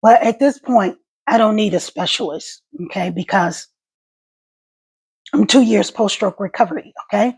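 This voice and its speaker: A woman with a gargly, wet-sounding, husky voice, talking casually to her viewers in a vlog with a slight stutter. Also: medium pitch, a little mellow. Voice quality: gravelly, husky. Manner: slightly stuttering, halting speech. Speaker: vlogger and stroke survivor.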